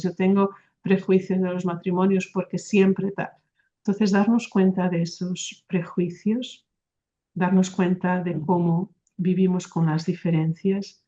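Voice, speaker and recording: A woman with a Portuguese accent answers interview questions in a calm, reflective way, checking in with a soft "no?" as she talks. Her voice sits low and mellow, with a flat, even melody. The recording sounds a little dull and lo-fi. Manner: thoughtful, often adds "¿no?" tag questions. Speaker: religious sister.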